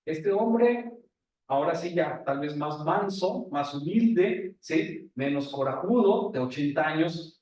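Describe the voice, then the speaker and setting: A man's voice: fairly high pitch, expressive, slow pace, a little mellow, recorded from a distance. A male pastor preaching a sermon who tells the story, asks the congregation questions and checks in with them often. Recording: very echoey room, voice from afar.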